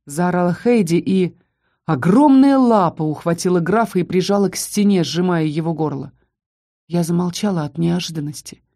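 A woman's voice: lowish voice, moderate pace, mellow. A woman reading a first-person fantasy novel aloud with dramatic storytelling. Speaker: audiobook narrator. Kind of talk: first-person audiobook narration.

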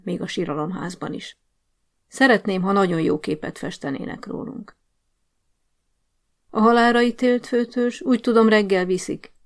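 A woman's voice: mid-range voice, vocal fry, lightly acted. A woman voicing a bossy, scheming male prison sergeant-major who barks orders at a guard in an audiobook story. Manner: commanding, barking orders.

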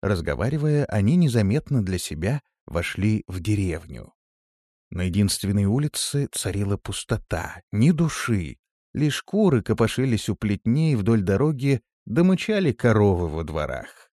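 A man narrating an audiobook in a measured, expressive reading style. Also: fairly low pitch, dry recording, clean studio sound. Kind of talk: scripted narration.

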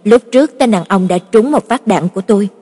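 A woman's voice: medium pitch, fairly quick, breathy edge, lightly acted. A woman voicing a cold, terse male bodyguard. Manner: flat, terse, indifferent. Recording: reverberant, with soft background music.

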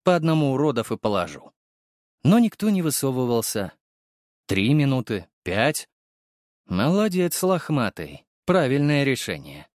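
A man narrating a first-person audiobook, storytelling lively and voicing the characters. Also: mid-range voice, a little slow, no echo, studio quality.

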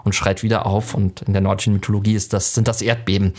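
A man with a fairly low voice hosts a film podcast. He retells a myth in a casual, animated way and often trips over and restarts his sentences. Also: fast talker. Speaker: podcast host.

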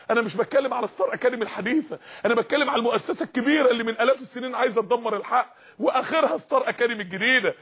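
A young man with an extremely high, slightly bright and slightly rough voice preaches an impassioned sermon in an Egyptian Arabic accent. He presses his points with repeated rhetorical questions and commands.

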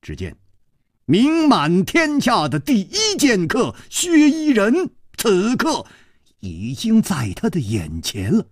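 A man telling a traditional story with a Beijing accent and dramatic, lively intonation. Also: high voice, slow, dry recording, clean studio sound.

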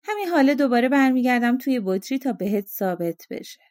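A woman's voice: on the high side, animated, darkish tone, lightly acted. A woman voicing a vengeful, ancient male genie in a storybook reading, speaking in a bitter, menacing way. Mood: furious, boastful.

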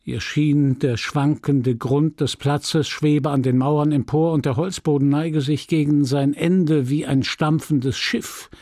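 A man reading a classic novel aloud as an audiobook, with dramatic, measured storytelling on a close studio mic. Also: on the high side, steady tone, mellow, no echo. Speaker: audiobook reader. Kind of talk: literary audiobook narration.

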